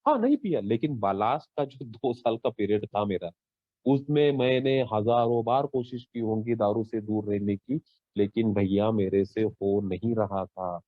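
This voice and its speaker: A man's voice: unhurried, dry recording. Guy talking recovery, asks lots of questions, muffled dry call audio. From India. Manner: earnest, mixes Hindi with English phrases; rhetorical questions, lively pitch swings. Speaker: AA member sharing his story. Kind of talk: Twelve Step workshop talk. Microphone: online call. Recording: dull lo-fi online call audio.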